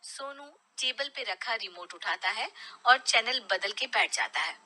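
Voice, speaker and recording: A woman narrating a cartoon story in a hushed, low-key way. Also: lively intonation, a little slow, poor audio.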